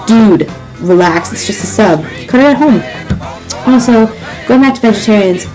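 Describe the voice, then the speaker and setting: A nineteen-year-old woman ranting comedically about work in a sarcastic, exasperated, animated way with frequent swearing. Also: mid-range voice, poor audio. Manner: animated, acts out customers' lines. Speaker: sandwich shop worker. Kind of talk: comedic rant to camera.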